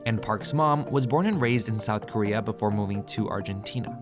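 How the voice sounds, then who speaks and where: A man hosting a news explainer, narrating a script in a clear, explanatory way. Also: fairly low pitch, a little fast, over music. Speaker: host and video journalist.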